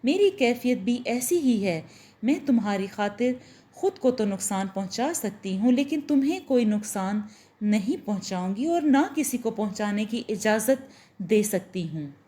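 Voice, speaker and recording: A woman reading a storybook's young woman turned witch, loving and possessive, in a soft, reassuring voice with her own warm, lively tone. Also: mid-range voice, moderate pace, natural voice. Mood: tender.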